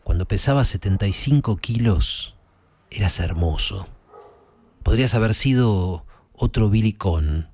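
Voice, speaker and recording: A man's voice: on the low side, expressive, unhurried, darkish tone. A man with an Argentine accent voicing a guilty older brother who speaks casually and makes weak excuses. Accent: Argentine Spanish. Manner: casual, evasive.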